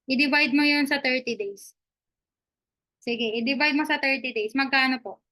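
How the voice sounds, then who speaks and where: A woman's voice: sits high, normal speed, bright, forceful tone. A woman giving a live online business presentation, chatty and upbeat, switching between English and Tagalog, often asking "di ba?" and laughing as she talks. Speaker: affiliate marketing presenter.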